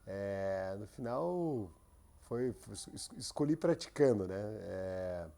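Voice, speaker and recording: Low, mellow man recalling his past. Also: vocal fry. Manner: relaxed, halting, many restarts. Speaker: guest, company CEO. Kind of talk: casual interview.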